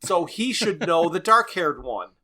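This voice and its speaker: On a casual podcast, a male co-host recaps a radio series at length and picks it apart analytically, chuckling often. His voice is a little high, pushed and bright, with big pitch swings and a slightly slow delivery.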